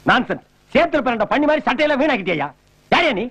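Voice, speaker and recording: An actor playing a sharp-tongued village uncle in a film comedy, firing off sarcastic, scolding retorts. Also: male voice, extremely high pitch, sing-song, quick pace, breathy edge, heavily acted. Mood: scornful. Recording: film soundtrack audio.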